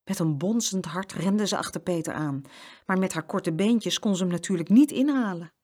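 A woman reading a children's story aloud as narrator, with expressive storytelling. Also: on the low side, normal speed.

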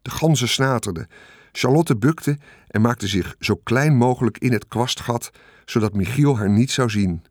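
A man narrating a children's audiobook in a steady, clear storytelling manner on a close studio mic. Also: mid-range voice, a little slow, no echo. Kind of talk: scripted narration.

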